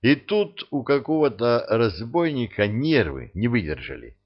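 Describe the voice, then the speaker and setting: A man narrating a humorous fantasy audiobook, bringing the characters to life in an expressive reading. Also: mid-range voice, a little slow, muffled recording. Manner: expressive storytelling, acting out the characters. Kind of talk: scripted narration.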